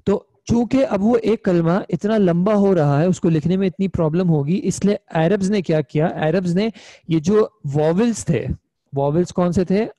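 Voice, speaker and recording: A man's voice: high voice, moderate pace, dark tone, no echo. A young man teaching an online Arabic grammar class, explaining patiently step by step and checking in with his students. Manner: patient, explains step by step, often asks "ठीक है?".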